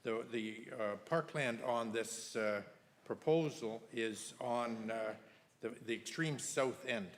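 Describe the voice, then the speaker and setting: Man, resident at town meeting, halting delivery, blunt and sarcastic edge. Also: medium pitch. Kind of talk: public comment at council meeting. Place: council chamber.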